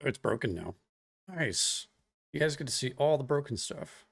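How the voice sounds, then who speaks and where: A man's voice: mid-range voice, sing-song, moderate pace, creaky, fairly bright tone, slightly rough. A man streaming live, chatting in an easygoing, rambling way to his viewers while he works on a coding project, with lots of "uh"s and "um"s. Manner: easygoing and rambling, greets chat viewers, many fillers. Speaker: live streamer, software developer. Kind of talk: casual live-stream chat. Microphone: single desk microphone.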